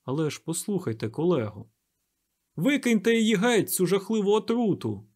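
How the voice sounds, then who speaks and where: A man reading an audiobook, voicing a desperate, fervent young male outsider who shouts and pleads. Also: sits high, sing-song, fairly quick, pitched above the performer's own voice. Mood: impassioned shouting. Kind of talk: audiobook character voice.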